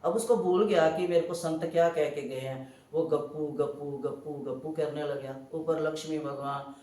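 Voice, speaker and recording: A man giving an animated devotional talk at a festival gathering, telling stories and acting out the voices in them. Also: on the high side, normal speed, roomy sound, recorded from a distance. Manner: animated storytelling with quoted voices. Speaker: devotional speaker.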